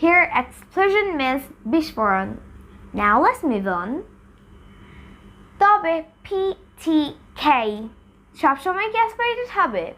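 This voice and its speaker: A woman's voice: very high voice, sing-song, very slow, sharp tone. A young adult woman teaching spoken English, switching between Bengali and English and repeating sounds and single words to demonstrate them. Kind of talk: bilingual pronunciation lesson.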